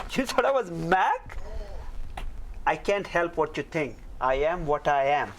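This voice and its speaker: An actor playing a middle-aged doctor turned stubborn film producer, insistent and exasperated in conversation. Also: male voice, fairly high pitch, sing-song, slow, slight background noise, low-quality recording. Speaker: doctor and aspiring filmmaker.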